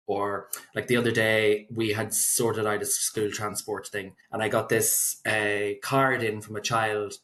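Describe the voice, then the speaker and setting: A man's voice: fairly low pitch, fairly bright tone. A man with an Irish accent giving conversational interview answers as an expert, explaining point by point. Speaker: solicitor, guest expert.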